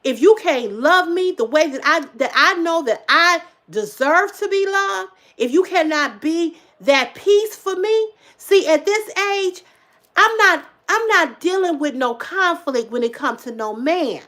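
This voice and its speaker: Speaking directly to her livestream viewers, a woman in her fifties is casual yet emphatic, her voice pitched high. She repeats phrases for punch, curses freely, and shifts from loud outbursts to quiet asides, sounding animated but a little slow.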